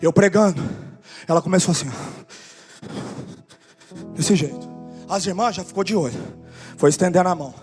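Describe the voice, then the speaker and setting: A male pastor telling testimonies in a sermon, animated, acting out the dialogue and building to shouts. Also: high-pitched, moderate pace, pauses often, big-room sound, soft background music. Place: church conference.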